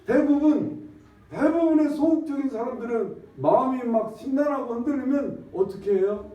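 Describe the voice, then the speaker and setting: A male pastor giving a conversational sermon in a church, repeatedly asking the congregation questions in a folksy, repetitive way. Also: extremely high pitch. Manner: peppers talk with questions to the congregation; folksy, repetitive, drawn-out emphasis. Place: church sanctuary. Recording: echoey, distant, dull lo-fi church recording.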